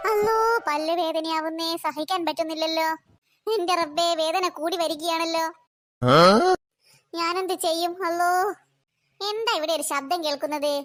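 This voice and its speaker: A woman's voice: very high voice, moderate pace, pauses often, fairly bright tone, no echo, clean studio sound. A woman voicing a fussy, stubborn old woman with a toothache in a cartoon. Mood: moaning. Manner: whiny, moaning, stubborn. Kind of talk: cartoon voice acting.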